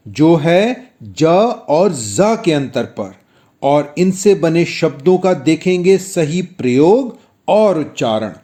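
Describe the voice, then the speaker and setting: Slow, deliberate man teaching pronunciation. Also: a little high, dark tone. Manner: slow, deliberate, drawing out sounds for practice. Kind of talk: scripted lesson narration.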